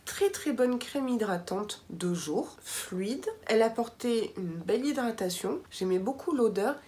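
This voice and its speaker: A woman's voice: a little high, animated, measured pace, a little mellow. A woman chatting casually to her viewers as she reviews finished beauty products, with lots of fillers and asides. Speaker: beauty vlogger.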